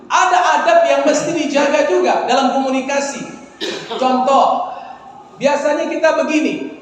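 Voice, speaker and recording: A man preaching a lively mosque sermon, joking with the audience and acting out greetings. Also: very high voice. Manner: playful, acts out greetings, jokes with the audience. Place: large mosque hall. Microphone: far front-facing phone camera. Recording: echoey hall, distant mic, faint noise.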